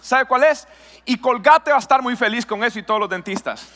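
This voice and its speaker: A man preaching a lively sermon as a pastor, asking his audience questions and joking with them. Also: very high-pitched, a little fast, big-room sound. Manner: lively, talks with an audience, asks questions and jokes.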